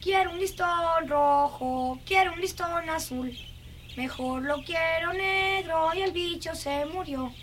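A woman's voice: high-pitched, animated, moderate pace, a bit bright, slight background noise. A woman dubbing a dreamy, eerie little girl who is fascinated by dead beetles, in a lingering, singsong, childlike way. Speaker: dubbing actress. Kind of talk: film dubbing.

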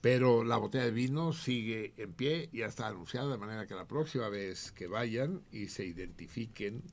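Gravelly, joking radio host. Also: male voice, on the low side, normal speed, slight background noise. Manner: crude, joking, animated. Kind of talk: casual radio chat. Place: radio studio.

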